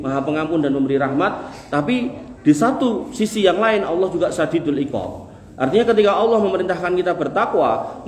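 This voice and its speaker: A man with a Javanese accent delivers a sermon to his congregation, folksy and full of jokes, hammering his points home through rhythmic repetition. His voice is fairly high in pitch with a darkish tone. The room is echoey, with faint noise in the background.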